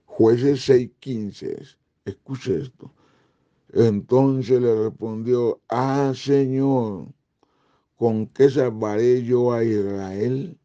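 Older male pastor, unhurried emphatic sermon delivery, warm low timbre, muffled recording. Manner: slow, emphatic preaching with exclamations of wow. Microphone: close-up camera, head and shoulders framing.

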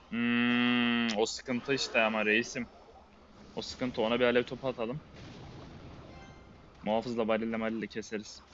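A man's voice: mid-range voice, fairly bright tone, muffled recording, a little hiss or hum. Muttering man calling his own game. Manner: muttering running play-by-play, often exasperated. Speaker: game streamer. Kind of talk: live gameplay commentary.

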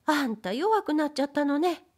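Woman doing a coquettish young wife, sharp tongue, high lively voice, audiobook. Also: a little fast. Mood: teasing. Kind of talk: audiobook reading of period fiction.

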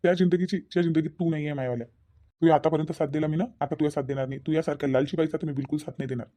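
Give me an actor voicing a scornful young cartoon man with a Vidarbha accent, dark-toned and rapid. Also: medium pitch, fairly even intonation, close to an everyday voice. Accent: Vidarbha Marathi. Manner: curt, scornful. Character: cold, dismissive young man. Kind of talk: cartoon voice acting.

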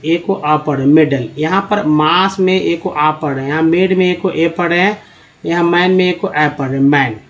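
A man teaches viewers how English letters are read, with a fairly high voice. He asks a question, answers it himself, and repeats the key sounds. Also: lo-fi sound. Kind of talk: explaining lesson to viewers.

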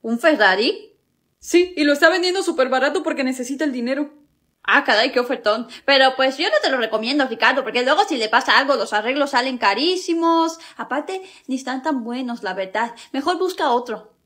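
A woman from Cuba who speaks with a Mexican Spanish accent, acting out comedy sketches and switching quickly between sassy family characters. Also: sits high, lively intonation, fairly bright tone. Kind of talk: comedy sketches playing several family members.

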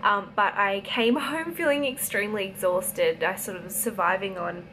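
A woman's voice: mid-range voice, normal speed, a bit bright, a little hiss or hum. A young woman with an Australian accent, a writer chatting casually to camera with a lot of ums. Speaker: YouTuber and writer. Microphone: laptop in front, looking down.

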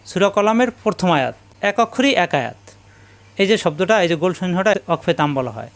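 A man teaching Quran letter pronunciation step by step, drilling each letter slowly and chanting drawn-out Arabic sounds. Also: high voice. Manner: slow, drilling letter sounds one by one and repeating them.

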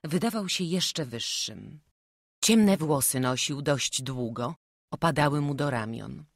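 A woman reading a classic children's novel aloud in calm, measured narration. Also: low-pitched, no room sound. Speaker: audiobook narrator. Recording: dry close studio voice.

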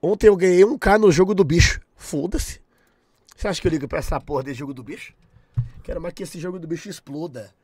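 A young man with a Brazilian accent, chatting on a live stream, loud and profane, shouting thanks at his chat. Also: fairly high pitch, fast, breathy edge, dry recording. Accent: Brazilian Portuguese.

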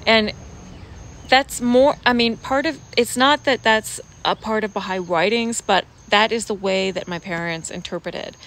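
A forties-aged American vlogger, an expatriate brought up around the Pacific Basin, speaks to camera from a seat in a leafy garden. Her mid-range, fairly bright voice is casual and reflective, halting and paced with thoughtful pauses. The phone at arm's length picks up clear outdoor background noise resembling crickets.

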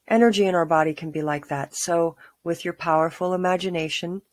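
A middle-aged woman leading a calm guided grounding exercise, giving soothing, unhurried instructions with pauses. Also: low voice, no echo. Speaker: meditation guide. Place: small room at home, indoors.

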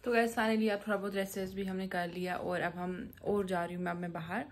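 A woman's voice: mid-range voice, level tone, fast talker, very noisy. A young woman from Kashmir chatting to her phone at arm's length, narrating her day as a vlogger, out on the streets, in a cafe and at home. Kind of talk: casual vlog chat.

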